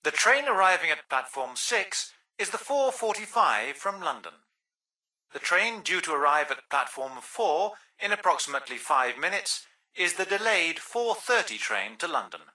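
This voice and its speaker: A man's voice: on the high side, very animated, bright, forceful tone, far from the mic, full character voice, low-quality recording. A man playing a railway station announcer, reading a formal train station announcement about platforms and delays. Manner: formal, measured public announcement delivery.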